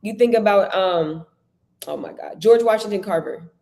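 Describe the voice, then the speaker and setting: A woman hosting a casual faith-based business talk, telling stories in an animated way and acting out quotes. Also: mid-range voice, moderate pace, vocal fry. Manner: animated, storytelling with acted-out quotes. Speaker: podcast host.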